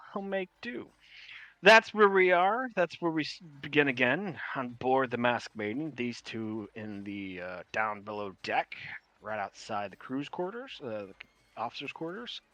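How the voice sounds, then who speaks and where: A man with a New York accent narrating a tabletop game as game master, with a halting, emphatic delivery. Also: medium pitch, lively intonation, a bit bright, dry recording.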